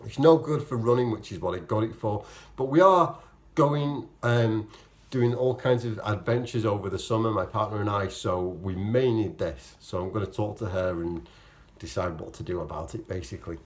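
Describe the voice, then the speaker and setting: A man's voice: on the low side, normal speed. A man talking casually to camera as an amateur running vlogger, explaining things in a rambling way, correcting himself and voicing his own thoughts as quotes. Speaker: vlogger, amateur marathon runner. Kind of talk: casual, chatty vlog to camera.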